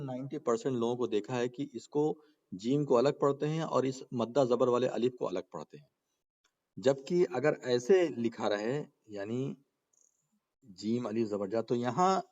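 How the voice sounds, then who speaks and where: Male tajweed teacher, mid-pitched voice, patient and repetitive, asks questions as he explains. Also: darkish tone, muffled recording. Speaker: Quran recitation and tajweed teacher. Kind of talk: spoken lesson with slow chanted recitation examples.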